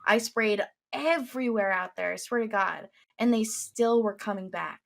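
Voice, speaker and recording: A woman's voice: mid-range voice, normal speed, gravelly, a crowd in the background. A woman streamer being interviewed, bubbly and giggly, with lots of "like" in her casual speech. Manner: bubbly, giggly, says "like" a lot.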